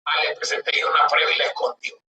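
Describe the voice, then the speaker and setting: A man's voice: fairly high pitch, monotone, fast talker, pushed and bright. A man lecturing on law, reading legal articles aloud and explaining them in a conversational way, often asking rhetorical questions. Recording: roomy, distant mic with background noise.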